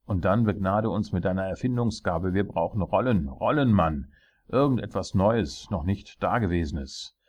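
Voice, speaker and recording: A man performs a cruel, mocking tyrant king in an audiobook, deep and husky and loud with scorn. He bullies and bursts into rage, his rough low voice pushed up into a bellow. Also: animated, moderate pace. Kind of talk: dramatic audiobook reading.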